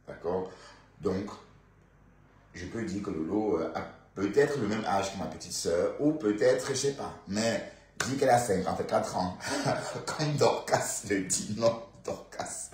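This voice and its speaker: A man with a Bandundu Congolese French accent rambles through casual gossip on a live stream, peppering it with fillers and asides to his viewers. His voice sits low. The room around him is echoey. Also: unhurried, a little mellow.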